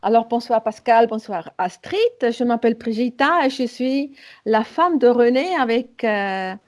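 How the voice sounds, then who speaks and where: A woman with a fairly high voice and a very slow delivery. She is a native Swiss German speaker with a Swiss German accent, and her French is broken, with small grammar slips. She talks conversationally about herself as a client in a session. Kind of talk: conversational personal account.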